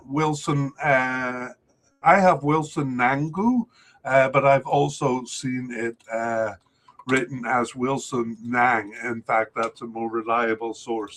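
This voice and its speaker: A man's voice: mid-range voice, a bit bright. A man hosting a solo soccer preview podcast, talking through squad lists with many hesitations and filler sounds. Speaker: podcast host.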